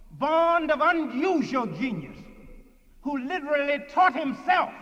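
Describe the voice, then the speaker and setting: A man with a Lowcountry Geechee accent giving an emphatic, deliberate speech in a preaching manner, with dramatic pauses and repetition. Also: pushed and bright. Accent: Gullah Geechee Lowcountry. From Sea Islands of the southeastern United States. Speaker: orator. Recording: dull archival recording, long hall reverb.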